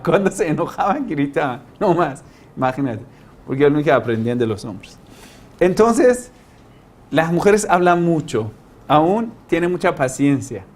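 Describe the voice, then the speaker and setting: Man lecturing in non-native Spanish. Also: a little high. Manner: explanatory, with rhetorical questions and homespun examples; humorous asides. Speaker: religious teacher giving a language-learning lecture.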